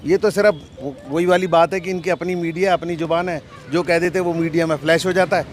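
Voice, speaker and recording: Street interviewee, male, sarcastic and mocking, high-ish voice. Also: steady tone, a little fast, a little hiss or hum. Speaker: passer-by interviewee.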